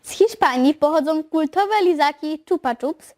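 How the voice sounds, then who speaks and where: A teenage young woman with a high voice reads presenter lines in studio outtakes. The indoor lapel-mic recording has faint noise and clicks. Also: normal speed, a little mellow. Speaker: school show presenter. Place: small green-screen school studio, indoors. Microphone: lapel microphone.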